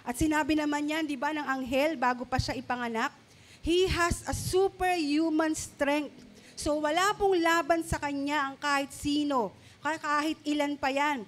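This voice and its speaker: A middle-aged woman pastor giving an animated sermon, asking the congregation questions and mixing English words into Filipino. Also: high voice, normal speed.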